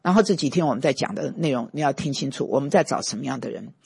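Gravelly, husky male pastor. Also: medium pitch, lively intonation, quick pace, no room sound, clean studio sound. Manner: emphatic storyteller, bursts of scolding force. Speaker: pastor and teacher. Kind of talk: conversational sermon with personal stories.

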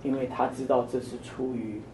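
A man's voice: mid-range voice, flat delivery, a little fast, background noise. Older man teaching Bible study, echoey room. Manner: asks the listeners many questions. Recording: echoey room, mic at a distance.

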